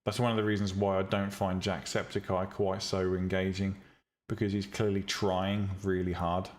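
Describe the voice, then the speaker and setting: A low-voiced man streams live at a moderate pace, chatting bluntly and casually with viewers about making 3D tutorials. He teaches 3D rendering and visual novel creation, and his calm, relaxing delivery is full of ums and restarts.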